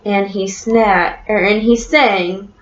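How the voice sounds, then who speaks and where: A woman teacher reading a story aloud in class and encouraging a student with quick questions, recorded on a computer webcam in a classroom. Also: mid-range voice, fairly even intonation. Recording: echoey room, dull lo-fi sound.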